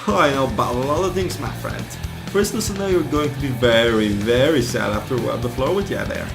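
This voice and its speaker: A man's voice: mid-range voice, a little fast, creaky, natural voice. A man voicing a brash, sneering male dog-creature in a put-on Cockney accent, taunting and boastful. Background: game music.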